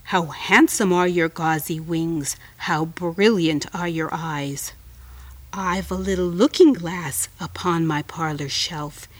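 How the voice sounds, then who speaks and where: A woman voicing a cunning, sweet-talking male spider in a storybook reading, with a low, hushed, coaxing manner. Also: slow pace, dry recording, far from the mic.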